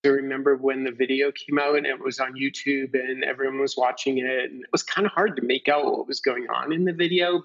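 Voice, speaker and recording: A man's voice: mid-range voice, vocal fry. A man giving a reflective interview on a dull, lo-fi recording.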